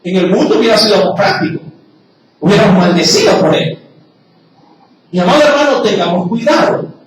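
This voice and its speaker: A man preaching a sermon as pastor, loudly asking his congregation rhetorical questions. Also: high-pitched, animated, a little fast, a little hiss or hum. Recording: very echoey hall, picked up from a distance.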